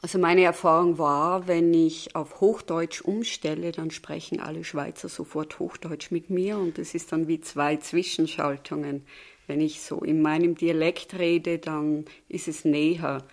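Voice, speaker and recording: A woman's voice: low-pitched, fairly even intonation, a little slow. A woman in her fifties from Austria, speaking with an Austrian dialect that has picked up a Swiss tinge, talking thoughtfully as an interview guest and often ending with "oder?". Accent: Austrian German dialect, slightly Swiss-tinged. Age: 50s. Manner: thoughtful, tags questions with "oder?". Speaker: interview guest, seminar leader. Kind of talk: conversational interview.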